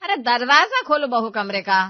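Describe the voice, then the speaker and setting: A woman voicing a strict, bossy middle-aged mother-in-law who scolds in a loud, commanding voice. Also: fairly high pitch, lively intonation, moderate pace, no echo, pitched above the performer's own voice, natural voice. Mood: scolding. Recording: slightly dull, dry close recording.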